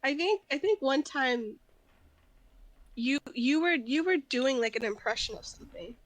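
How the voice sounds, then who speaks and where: A woman's voice: high voice, lively intonation, unhurried, no echo, low-quality recording. A woman co-hosting a podcast, telling anecdotes in casual chat and laughing often. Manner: laughs often, chatty storytelling. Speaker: podcast co-host.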